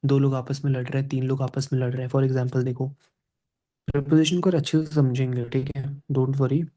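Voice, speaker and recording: A man teaching a class, with a very dark, warm, mellow voice at an ordinary pitch. He walks through grammar points step by step, switching between Hindi and English phrases. He keeps turning to his students with quick checking questions. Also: flat delivery.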